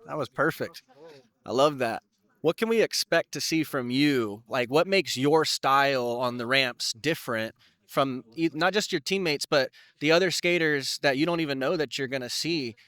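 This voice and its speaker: A man interviewing a skater in an excited, chatty way, full of slang. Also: medium pitch, unhurried, no echo. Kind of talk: casual interview.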